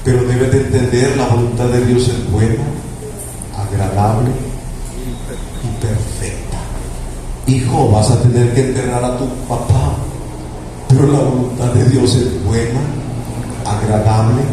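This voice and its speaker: A man's voice: medium pitch, steady tone, a little slow, pauses often. A man preaching a sermon. He is emphatic, repeats key phrases and stretches words for emphasis. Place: church hall. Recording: echoey church hall, distant mic, background noise.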